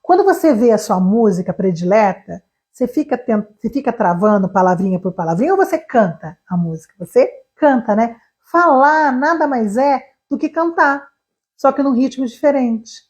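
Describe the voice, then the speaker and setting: A Brazilian woman teaching English online, fast, animated and emphatic, speaking straight to her viewers. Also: a little high. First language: Portuguese.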